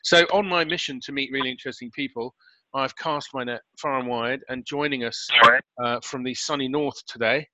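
A man's voice: mid-range voice, steady tone, normal speed, bright, forceful tone, dry recording. A middle-aged man hosting an interview podcast in a conversational, encouraging way. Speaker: podcast host. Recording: dry, slightly dull lo-fi audio.

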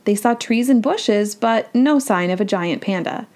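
A woman's voice: mid-range voice, unhurried, darkish tone. A woman reading a children's storybook aloud, with chatty, playful asides. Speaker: children's book reader.

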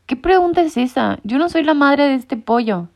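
A woman's voice: high-pitched, animated, normal speed, pitched above the performer's own voice. A woman voicing a big male tomcat who speaks in a dry, ironic way. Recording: muffled lo-fi recording.

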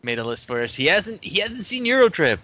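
A man co-hosting a casual podcast, reading out a listener list and joking with deadpan delivery. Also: high-pitched, fairly quick, no echo. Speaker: podcast co-host. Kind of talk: casual chat. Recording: dry, dull lo-fi audio.

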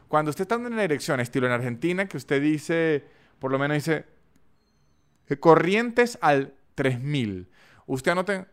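A man with a Venezuelan Andean accent, hosting a podcast in a casual, animated monologue full of acted-out examples. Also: medium pitch, clear, resonant tone. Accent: Venezuelan Andean (gocho). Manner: animated, chatty storytelling with acted-out voice notes. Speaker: podcast host.

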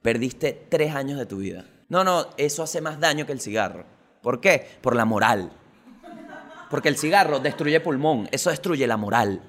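A young Venezuelan man hosting a podcast, telling stories in a slangy comic monologue that swings between loud bursts and low mutters. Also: animated, moderate pace. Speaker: podcast host, stand-up comedian.

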